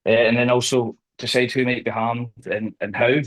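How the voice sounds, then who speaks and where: A man with a Glaswegian accent, talking through his workplace training and risk assessment work in an interview, hesitant with many pauses and restarts. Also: medium pitch, little pitch movement, fairly bright tone, low-quality recording. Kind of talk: conversational professional discussion.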